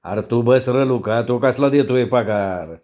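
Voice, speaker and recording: A man voicing a swaggering young street tough who talks slowly, coolly and with menace. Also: medium pitch, darkish tone, natural voice. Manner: slow, cool, menacing drawl.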